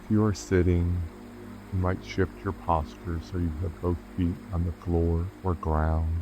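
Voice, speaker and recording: A man leads a calm grounding meditation as a guide, speaking gently and unhurriedly with measured pauses. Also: sits low. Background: rainforest sounds with insects, soft music.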